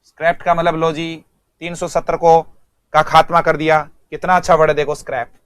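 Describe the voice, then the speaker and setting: A man's voice: on the high side, flat delivery, fairly quick, a bit bright, clear, resonant tone, no room sound, clean studio sound. A male English teacher giving an online vocabulary lesson, speaking, repeating words and quizzing students.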